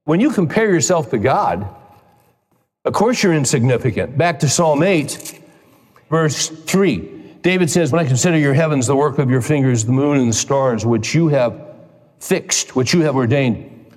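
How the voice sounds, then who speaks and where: A male pastor delivering an emphatic sermon, his voice climbing high when he stresses a point. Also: expressive, moderate pace, darkish tone. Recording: long reverb of a large hall.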